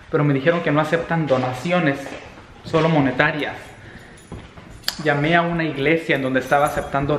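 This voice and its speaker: A young man, chatting casually in a home vlog and swinging between shouts and soft whispers. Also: fairly high pitch. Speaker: vlogger. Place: home, indoors. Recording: echoey room, faint noise.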